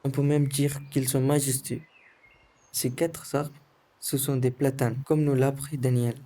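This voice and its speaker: A teenage boy from Sri Lanka reading a scripted voice-over in calm, careful short phrases as the student narrator of a school film. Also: mid-range voice, measured pace. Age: teens.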